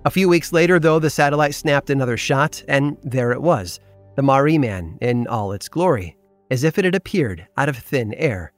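A man's voice: medium pitch, animated, normal speed, no echo, soft background music. A man reading scripted storytelling narration. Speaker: podcast narrator.

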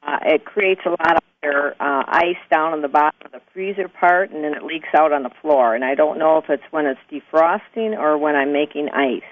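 A woman's voice: sits low, moderate pace, hardly any pauses, dry recording. A woman calling in to a radio show, talking casually in a hesitant, plain-spoken way. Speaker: phone-in caller. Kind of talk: unscripted casual call. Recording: muffled telephone line.

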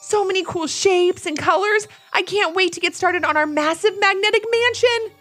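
A woman voicing an eager young boy looking forward to his birthday, excited and a little sneaky. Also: very high-pitched, normal speed, soft background music, voice pushed up.

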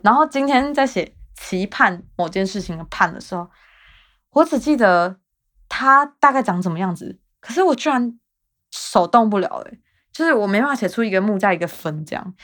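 A woman's voice: medium pitch, lively intonation, moderate pace, fairly bright tone. A woman in her twenties with a Taiwanese Mandarin accent, hosting her podcast in a rambling, self-mocking casual chat. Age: 20s. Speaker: podcast host.

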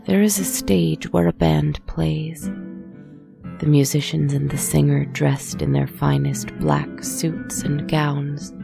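A woman softly narrating a guided relaxation story in a hushed, soothing, spa-like manner, with deliberate, poetic phrasing. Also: sits low, creaky.

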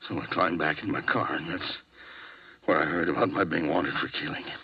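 Rumbling low and breathy, a man speaks briskly as a hot-tempered fugitive wanted for murder in a 1950s radio drama. Desperate, he lurches from threats to pleading, and the old broadcast audio is dull and lo-fi.

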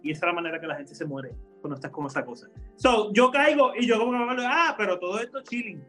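A man with a high voice tells a story among friends on a podcast. He talks in a loose, casual way, laughs a lot and slips English words into his talk. Faint music plays underneath. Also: quick pace. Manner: lively, laughs often, mixes in English words. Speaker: podcast co-host.

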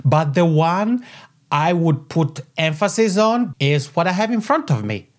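A Swiss Italian man in his thirties, from Switzerland's Italian-speaking region, answers interview questions as a podcast guest, eager and expansive. Speaking at a measured pace in an expressive, high-leaning voice with a Swiss Italian accent, he records from his home office on a podcasting microphone.

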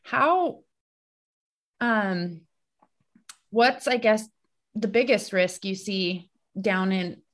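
A woman hosting a podcast, asking questions in a hesitant, thoughtful way with pauses. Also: medium pitch, a bit bright. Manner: hesitant, thoughtful, many ums and restarts. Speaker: podcast host. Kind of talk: casual podcast conversation.

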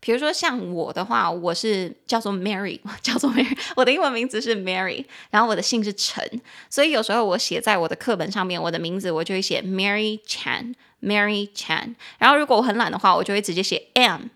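A woman's voice: mid-range voice, a bit bright. Field: playful woman teaching English. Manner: playful and chatty, spells words out and repeats them slowly. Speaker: English teacher and podcast host. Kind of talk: casual podcast English lesson.

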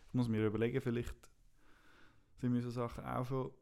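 A man, hosting a podcast in casual chat, his voice slightly hoarse. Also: medium pitch, little pitch movement, fairly quick, mellow. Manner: wraps up the episode. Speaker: podcast host.

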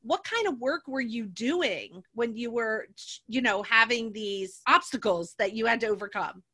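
A woman's voice: a little high, lively intonation, measured pace, sharp tone. A woman hosting an interview show in a conversational, effusive and gushing manner.

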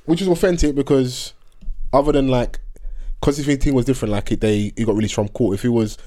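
A man's voice: medium pitch, fast, warm tone. A man with a London accent chatting casually as a podcast host, in slang-heavy roadman street talk. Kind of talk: casual chat.

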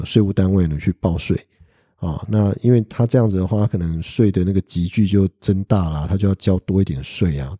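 A man's voice: low-pitched, dark tone, breathy edge, no echo, clean studio sound. A middle-aged man with a Taiwanese Mandarin accent, a law professor hosting a podcast, telling a story in a chatty way with many little "ha" tags and fillers. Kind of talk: casual storytelling.

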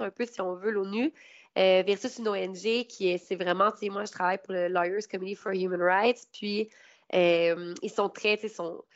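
A young Canadian woman with a Québécois accent answers an interviewer in a loose, chatty way, filling pauses with "euh" and breaking into small laughs. Her voice sits at an ordinary pitch for a woman. The recording is dull and lo-fi, with a dry, close sound. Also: no echo. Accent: Québécois French. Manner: hesitant, many "euh" fillers, laughs often.

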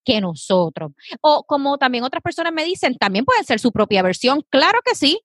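A woman's voice: high-pitched, sing-song, a little fast, fairly bright tone, no room sound, studio quality. A woman, hosting an interview, asking questions and affirming the guest's points with her own thoughts. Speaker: interviewer and host.

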